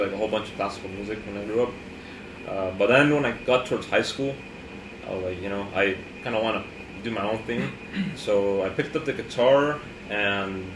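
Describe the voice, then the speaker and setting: A young man from Ecuador, a musician, answering interview questions in a hesitant way with lots of "you know". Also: lowish voice. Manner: soft-spoken, hesitant, many "you know" fillers. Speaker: musician guest. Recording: echoey room, background hum.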